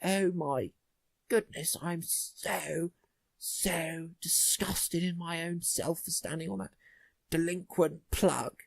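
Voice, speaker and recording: A man's voice: fairly high pitch, slow, creaky, no echo, pitched above the performer's own voice, full character voice. A man putting on a fussy, wordy posh person, drawling in an affected way. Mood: appalled.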